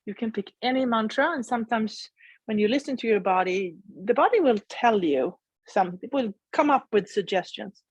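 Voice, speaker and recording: A woman teaching yoga and meditation, guiding listeners in a calm, soothing, unhurried way with pauses. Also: fairly high pitch, husky, no echo, poor audio. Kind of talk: guided relaxation meditation. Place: indoor room in an old house, dry close sound.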